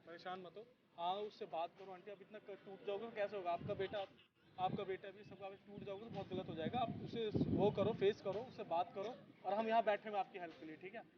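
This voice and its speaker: A man's voice: high-pitched, fairly even intonation, fast talker, dull audio, very noisy. A man hosting a prank video, addressing viewers and reassuring a woman outdoors. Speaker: host. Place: outdoors in a park.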